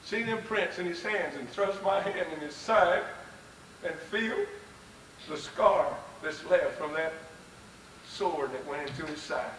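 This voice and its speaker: A man's voice: a little high, measured pace, fairly bright tone, echoey room, slight background noise, pitched below the performer's own voice. A man acting out a stubborn, plainspoken male disciple in folksy speech during a sermon, recorded live at a distance. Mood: doubting. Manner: folksy, colloquial grammar.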